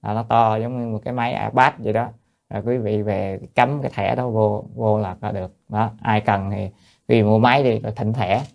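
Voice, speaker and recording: A man who is a Buddhist monk, lecturing on a sutra in a loose, hesitant way with many fillers, chanting lines of classical text slowly before explaining them plainly. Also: on the low side, steady tone, gravelly, a little mellow.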